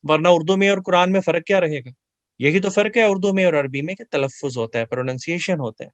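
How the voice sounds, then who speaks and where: A man teaching Quran memorization, explaining pronunciation in earnest, repetitive coaching and reciting verses slowly for students to repeat. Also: fairly high pitch, no room sound. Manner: slow drawn-out chanted recitation between explanations; earnest, repetitive coaching, asks and answers his own questions.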